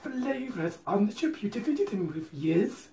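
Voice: mid-range voice, very animated, measured pace, dark tone. A performer doing a gloating theatrical villain showman. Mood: scheming. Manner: gloating, theatrical, wildly swooping delivery. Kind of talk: fan audio drama acting. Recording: roomy, distant home mic.

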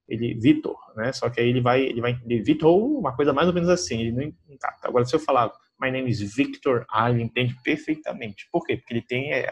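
A Brazilian man gives a recorded English lesson to a school class. His voice is a little husky and sits at an ordinary pitch. He talks in a loose, chatty way and drops to a slow, careful pace to read English examples. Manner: chatty, many fillers like "né" and "tá"; slows right down to read English example sentences. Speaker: English teacher.

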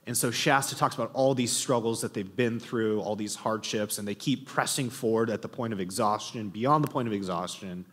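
A man's voice: lowish voice, a little fast, few pauses, a bit bright. A man teaching a classroom literature lesson, reading passages aloud and posing questions to the class, with frequent ums, in a classroom with a long reverb.

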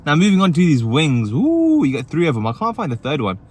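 A man's voice: on the high side, animated, quick pace, slightly rough. A man reviewing food in a parked car, chatty and upbeat, talking while he eats. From England. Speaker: food reviewer and channel host. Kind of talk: casual food review vlog.

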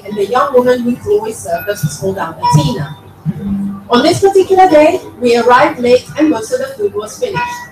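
A woman reading her own writing aloud to a live audience, lively and expressive, acting out the lines she quotes. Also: high voice. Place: event venue with an audience. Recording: echoey room from a distance, clear music behind.

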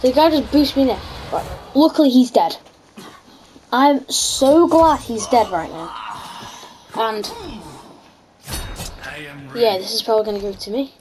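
High-pitched female gamer commentating. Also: measured pace, pauses often, a little mellow, a little hiss or hum, low-quality recording. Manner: chatty, reacts aloud to the game. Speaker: gaming video host. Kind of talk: casual gameplay commentary. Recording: music behind the voice. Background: background music.

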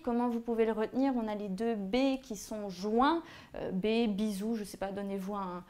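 Woman, young adult, teacher, revision lesson, hesitant, filler-heavy, writing on a board while talking. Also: a little high. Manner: hesitant, many "euh" fillers.

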